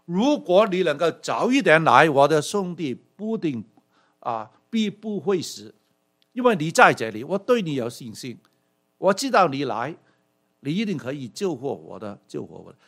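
A man's voice: fairly high pitch, big pitch swings, moderate pace, fairly bright tone, full character voice. A grieving woman who pleads and reproaches in turn, as a male preacher puts her on. Her voice stays close to a plain man's own. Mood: pleading reproach.

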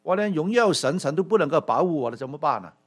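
A man's voice: a little high, lively intonation, quick pace, slightly rough. A man preaching a sermon that explains a Bible passage. He asks many rhetorical questions, draws out "ah" fillers and mixes in English words.

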